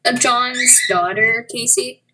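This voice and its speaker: A woman's voice: fairly high pitch, slow pace, far from the mic, crowd noise. A woman chatting with friends and making dry, teasing remarks. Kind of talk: casual chat among friends. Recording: voice heard from away from the mic.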